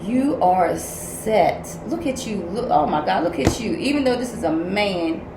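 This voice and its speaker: A woman's voice: mid-range voice, animated, measured pace. An older woman, a grandmother and spiritual counselor, giving a tarot message reading in a blunt, profane, tough-love preaching manner. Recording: echoey room with noise.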